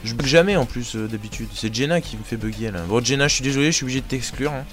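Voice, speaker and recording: A man's voice: medium pitch, rapid-fire, over loud music. A man hosting a live show in casual chat, reading out listener messages with joking banter. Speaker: host.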